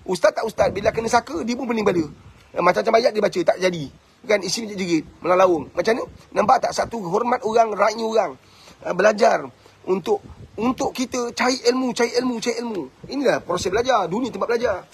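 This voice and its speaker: A man's voice: high voice, quick pace. A middle-aged man with a Malaysian Malay accent, a religious school head lecturing parents in a blunt, preachy way and often asking rhetorical questions.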